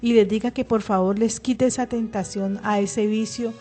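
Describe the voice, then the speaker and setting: A middle-aged woman tells her faith testimony in a radio studio, her voice warm and mellow. She speaks earnestly and with feeling, often restarting her words. Soft music plays faintly behind her. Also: a little high, steady tone, moderate pace. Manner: emotional, earnest, with frequent restarts. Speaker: radio program co-host. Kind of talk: personal religious testimony on radio.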